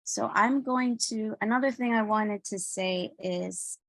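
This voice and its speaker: A woman lecturer talking through a recorded lesson, slow and deliberate with pauses and restarts. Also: mid-range voice, fairly bright tone, poor audio.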